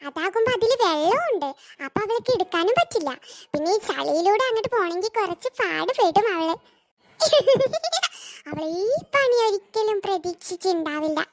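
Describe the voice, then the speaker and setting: A woman voicing a scheming, mischievous young girl in a cartoon, who plots out loud and wails and whines. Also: extremely high pitch, dry recording.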